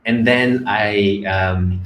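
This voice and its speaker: Speaking extremely slowly, this vlogger in his 30s from Korea has a lowish, fairly bright voice with fairly even intonation. He recounts his story casually, filling pauses and restarting often, in an echoey room with faint ambient sound.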